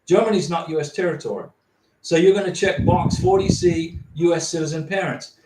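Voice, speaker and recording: A man with a fairly high voice hosts a casual livestream. He reads viewer questions aloud and answers them plainly. He sounds set back from the mic in an echoey room, with clear noise in the background. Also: brisk. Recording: roomy, distant and noisy.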